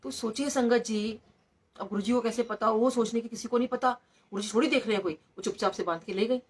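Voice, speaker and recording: Her voice sits a little high, brisk and a little mellow with a slight roughness. This middle-aged doctor is sharing devotional tales at a satsang, code-switching into English throughout her storytelling.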